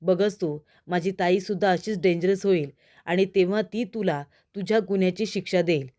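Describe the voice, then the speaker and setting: Woman doing a fired-up protective young guy from a tv serial, defiant, mellow tone. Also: on the low side, normal speed, natural voice. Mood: angry. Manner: indignant, defiant. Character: hurt young man, protective and quick to anger.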